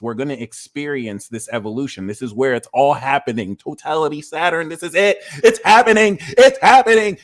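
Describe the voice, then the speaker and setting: A man's voice: fairly high pitch, no echo, clean studio sound. A man from New Jersey giving a casual, rambling astrology talk, prone to tangents and repeating his phrases. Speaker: astrologer and reader.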